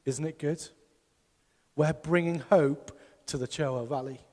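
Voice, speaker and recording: A man's voice: fairly high pitch, fairly even intonation, unhurried, a little mellow, big-room sound. A man preaching a sermon as pastor, emphatic and putting rhetorical questions to his congregation. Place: church hall.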